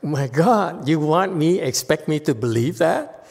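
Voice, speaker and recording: A man's voice: on the high side, lively intonation, unhurried, vocal fry, a little mellow, slightly rough, long reverb tail. A man teaching a Buddhist class, teasing and blunt with his students and laughing often. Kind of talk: Dharma class teaching with banter.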